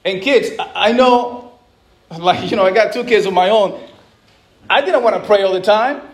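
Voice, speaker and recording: Speaking at a normal speed, a middle-aged male pastor from the Dominican Republic with a high voice gives a conversational sermon. He keeps breaking off into asides and starting his sentences over.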